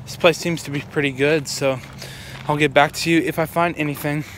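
Young male nature vlogger, casual and keen, slightly high-pitched, recorded outdoors on a handheld with light ambient noise. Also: steady tone, fairly quick, a bit bright. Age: young adult. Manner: informal, enthusiastic, addresses animals as buddy. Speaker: wildlife vlogger. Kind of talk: casual field narration while herping. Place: outdoors in woods and by ponds. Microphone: handheld phone at arm's length.

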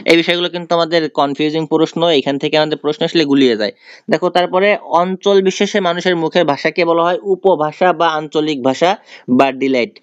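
A man's voice: fairly high pitch, quick pace, smooth, dry recording. A young man teaching an exam-prep lesson, explaining step by step and repeating the key answers. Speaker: tutor. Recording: dry, slightly dull sound.

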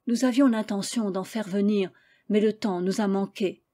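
A woman's voice: medium pitch, fairly even intonation, moderate pace, mellow, lightly acted. A woman voicing a naive, apologetic tavern keeper's wife in a storybook reading. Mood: confused.

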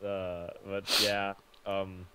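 Rambling young man, lowish voice. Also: completely flat delivery, extremely slow, very noisy. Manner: rambling, swears often, laughs a lot. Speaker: guest co-streamer. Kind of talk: casual chat on a game stream.

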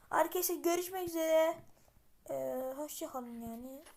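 A woman giving casual gameplay commentary, muttering to herself and then yelling in panic. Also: high-pitched. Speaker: gameplay video maker.

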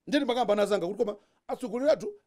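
A man's voice: high voice, lively intonation, very fast, darkish tone. A middle-aged Malawian man on a TV studio panel, arguing emphatically and repeating points, mixing English into his talk. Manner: emphatic, mixes English into Chichewa, repeats phrases. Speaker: panelist on a current affairs show. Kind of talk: animated political discussion.

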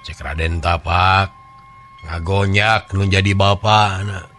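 Narrating a folk tale in a dramatic oral style, a male storyteller speaks with a Sundanese accent. His fairly low voice is slow and sharp in tone, with fairly even intonation, while faint music plays underneath.

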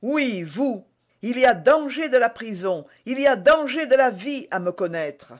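A man's voice: very high-pitched, expressive, measured pace, pitched above the performer's own voice. A man with a French accent voicing an anxious, secretive young woman in an audiobook, pleading and urgent. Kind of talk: audiobook reading.

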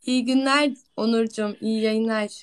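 A woman's voice: on the high side, steady tone, brisk, clean tone. A woman guesting on a casual live stream, teasing the host and swearing often.

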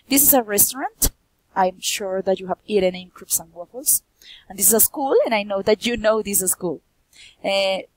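A young Colombian woman teacher with a Bogotá accent runs a bilingual vocabulary lesson. Her voice is a little husky and sits in a middle register. She is recorded close and dry, switching between English and Spanish at an even teaching pace. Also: medium pitch, dry recording, poor audio. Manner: says each point in English, then repeats it in Spanish; lifts her voice on quiz questions.

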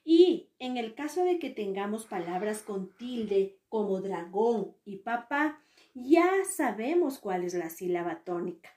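A woman's voice: mid-range voice, very animated, a little slow, warm tone. A woman with an Ecuadorian Spanish accent teaching an online class to young children, stressing syllables as she models words. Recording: echoey room.

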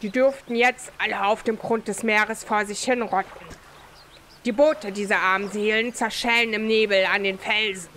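A woman's voice: medium pitch, fairly even intonation, normal speed, a bit bright, slight background noise, close to an everyday voice. A woman reading aloud the lines of a grim, curt villager in a video game.

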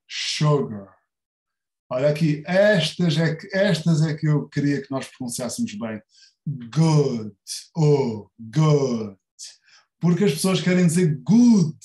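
A man with a European Portuguese accent teaching English pronunciation in an online lesson, repeating and drilling words slowly. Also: mid-range voice, dark tone, echoey room.

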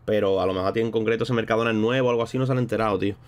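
A man's voice: lowish voice, fairly even intonation, rapid-fire. A man streaming live, chatting casually and rambling in a slangy way while thanking viewers between thoughts. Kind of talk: casual livestream chat.

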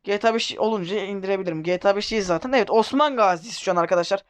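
High-voiced man rambling through a let's-play. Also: very fast, clear, resonant tone. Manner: rambling, self-correcting, joking. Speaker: gaming video host. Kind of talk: casual let's-play commentary.

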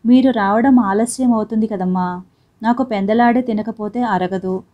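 A woman reading the part of an elderly, ailing father-in-law who speaks softly and wearily. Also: fairly high pitch, normal speed, phone-quality sound, natural voice. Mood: weary. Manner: soft, tired pleading.

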